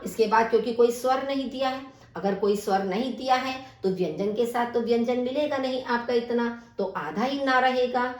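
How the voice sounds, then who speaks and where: A woman teacher working through a textbook exercise, spelling words out sound by sound and explaining each step. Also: on the high side. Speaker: Sanskrit teacher. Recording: echoey room.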